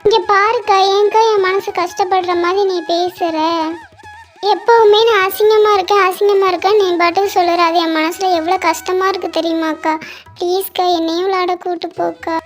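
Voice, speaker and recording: A woman voicing a gentle young girl who pleads with her older sister in a cartoon story, with faint music behind. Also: very high-pitched, fairly even intonation, normal speed. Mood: hurt. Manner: pleading, tearful.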